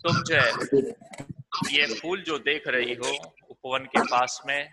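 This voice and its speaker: A man's voice: medium pitch, slow, over a noisy crowd. A male teacher patiently explaining a story in a school lesson, restating lines as he goes, in a noisy recording.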